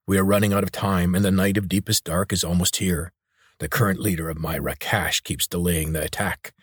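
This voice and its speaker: A man doing a cold, deep-voiced master. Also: steady tone, fairly quick, a bit bright, slightly rough, no room sound, studio quality.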